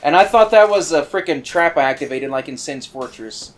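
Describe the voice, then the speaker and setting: Rambling excitable man commenting on gameplay. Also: a little high, a little fast. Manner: rambling, excitable, many fillers. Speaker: let's play commentator. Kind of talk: casual gaming commentary.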